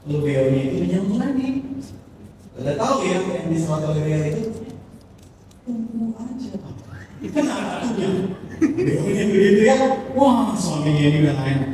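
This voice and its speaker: A pastor delivers a sermon in which he tells a humorous story, acting out the characters' lines. His voice is high-pitched, very animated, and brisk, recorded from far off in an echoey hall with a noisy background.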